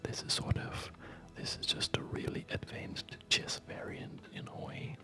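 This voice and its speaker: An ASMR video creator in his thirties whispers softly and breathily through gaming commentary. He speaks gently, with hesitant pauses, while music plays in the background.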